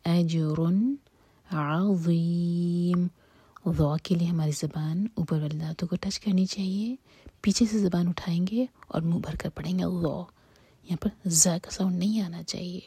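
A woman giving a whispered tajweed lesson. She whispers each rule in a breathy voice, then recites the verse slowly and aloud. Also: fairly low pitch, fairly even intonation, mellow, no room sound. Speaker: Quran recitation teacher.

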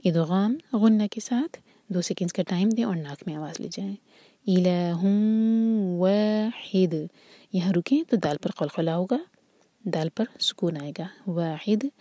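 A woman teaching tajweed, reciting words slowly and drawn out, then explaining the rules in a soft, often whispery voice. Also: lowish voice, breathy edge, dry recording. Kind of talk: tajweed lesson, slow demonstrations then explanation.

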